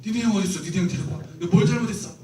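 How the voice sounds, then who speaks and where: A man's voice: sits high, racing, a little hiss or hum, pitched above the performer's own voice, close to an everyday voice. A man playing a stern scolding mother. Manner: sharp, interrogating, judging. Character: stern mother scolding her two sons. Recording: roomy hall, mic far off.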